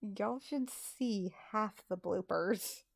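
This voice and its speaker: A somewhat tired woman chats casually while hosting a live stream, tossing out mild, folksy exclamations; she is also an amateur voice actor. Her voice is medium-pitched, slow and gravelly, with no room sound.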